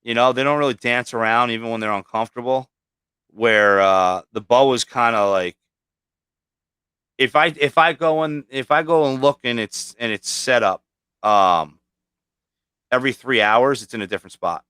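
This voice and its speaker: A man's voice: medium pitch, moderate pace, bright, forceful tone, clean tone, no echo. A man hosting a livestream about breeding snakes, chatting casually, with frequent fillers and swearing. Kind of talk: casual chat.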